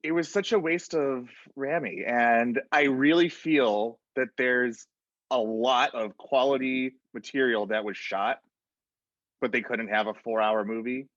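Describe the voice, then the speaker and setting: A man co-hosting a casual film chat, opinionated and halting, with many fillers. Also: mid-range voice, a bit bright, no room sound. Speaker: podcast co-host. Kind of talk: casual chat about films. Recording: dry, dull lo-fi audio.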